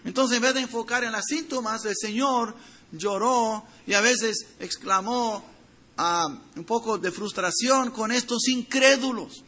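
High, bright-voiced male preacher. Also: slightly rough. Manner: expository preaching, reading verses and addressing the congregation; frequent restarts and stumbles while building points. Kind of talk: sermon.

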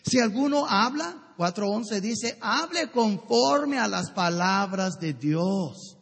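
Lively husky-voiced pastor preaching in a hall. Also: male voice, sits high, slow. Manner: lively, joking, direct to congregation. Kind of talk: sermon. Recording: echoey hall.

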